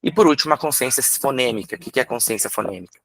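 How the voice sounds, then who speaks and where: A Brazilian literacy teacher gives an animated workshop lecture in a mid-range voice. He poses rhetorical questions to himself and slowly sounds out syllables.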